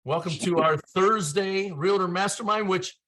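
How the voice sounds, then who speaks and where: A man's voice: high-pitched, measured pace, fairly bright tone. A middle-aged man from Ohio hosting an online meeting, upbeat, folksy and joking, talking over a video call. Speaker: webinar host.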